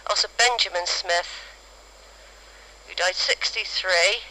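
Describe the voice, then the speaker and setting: Outdoors in a cemetery, an amateur family historian records an audio diary on a cassette recorder, giving halting, spontaneous field notes as she describes things piece by piece. Her voice is medium-pitched and sharp, and the amateur cassette recording is faintly noisy.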